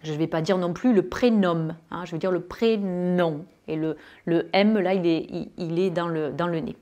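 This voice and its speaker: A woman with a southern French accent teaching English pronunciation to French speakers, with many fillers and pauses, who draws out her English example words. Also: fairly low pitch, fairly even intonation, darkish tone. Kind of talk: spoken lesson.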